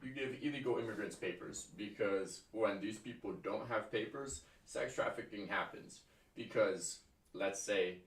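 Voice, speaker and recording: A man's voice: on the low side, creaky. A man streaming his reactions to news clips, talking casually, swearing often and laughing through rambling asides. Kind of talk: casual profane stream commentary. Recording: roomy room mic from some distance, faint noise.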